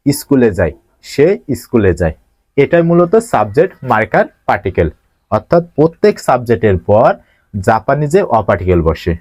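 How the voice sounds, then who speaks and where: A man teaches Japanese grammar at a middle pitch, posing questions to his students and answering each one himself. The recording is close and dry, with almost no room sound. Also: darkish tone, no echo. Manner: asks rhetorical questions and answers them himself. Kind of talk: grammar lesson explanation.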